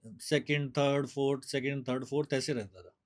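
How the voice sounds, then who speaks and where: A man, a bodybuilder guest telling his story in a steady, explaining way. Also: medium pitch, moderate pace. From Delhi, India. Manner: steady, explanatory, mixes English words. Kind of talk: casual interview storytelling.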